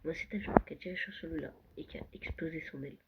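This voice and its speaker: A young vlogger touring a Minecraft world late at night, often whispering and speaking softly. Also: mid-range voice, very fast, gravelly, poor audio. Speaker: gaming vlogger. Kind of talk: casual Minecraft world tour. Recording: loud background noise.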